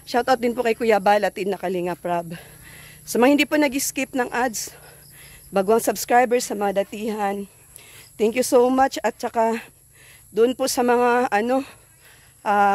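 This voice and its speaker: Woman, vlogger, slightly out of breath, slow-paced, dry close sound, chatty outdoor phone vlog. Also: mid-range voice, darkish tone, no room sound. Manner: chatty, thanking viewers and sponsors with many fillers. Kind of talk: casual vlog narration.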